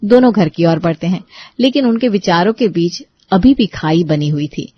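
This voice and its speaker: A woman narrating a family story in a steady scripted reading. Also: on the low side, moderate pace, highs cut off.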